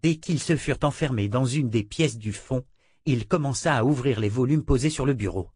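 A man narrating a fantasy novel in a steady, even storytelling manner. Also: mid-range voice, moderate pace, slightly rough, no echo. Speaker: audiobook narrator. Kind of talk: scripted narration. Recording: dry close recording.

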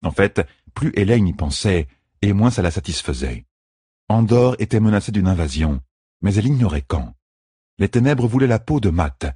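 A man narrates an audiobook in a measured, expressive way. His voice is husky and moves a lot in pitch. It is recorded close and dry. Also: dry recording. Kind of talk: scripted narration.

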